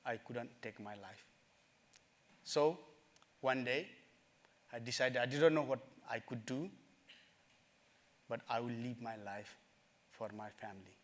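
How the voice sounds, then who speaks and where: On a conference stage, a middle-aged man from Nepal tells his life story during a summit talk. His mid-range voice comes out earnest and halting, with many fillers.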